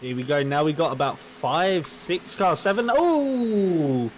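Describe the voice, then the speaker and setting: A man as co-commentator on a sim race, giving relaxed, easygoing analysis. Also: a little high, takes it slowly, a little hiss or hum, rough recording. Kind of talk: sim racing colour commentary.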